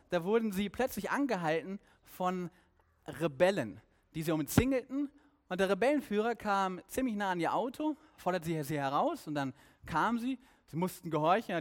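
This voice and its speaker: A man's voice: high voice, expressive, a little fast. A man preaching a sermon, earnest, with questions aimed at the listeners.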